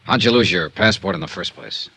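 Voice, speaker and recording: An actor playing a tough, sardonic American insurance investigator in a 1950s radio noir drama, with a clipped, sarcastic delivery. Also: male voice, low-pitched, a little fast, vocal fry, bright, forceful tone, no echo, full character voice. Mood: suspicious, pressing. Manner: clipped, sarcastic, hard-boiled.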